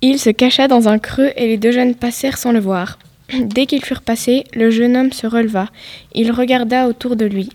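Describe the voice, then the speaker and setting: Woman, story reader, steady even reading, slightly high pitch. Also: normal speed.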